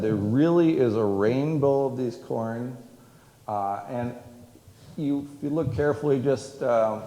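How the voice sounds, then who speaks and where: Speaking in a lowish, warm voice, a male museum director addresses an audience on history in a museum event room. His delivery wanders with many fillers and false starts, and the echoey hall adds long reverb.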